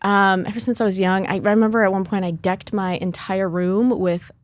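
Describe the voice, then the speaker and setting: A woman's voice: medium pitch, steady tone, normal speed. A young adult woman, born in Lithuania and raised in Chicago, telling her personal story as a podcast guest, earnest and chatty with many fillers.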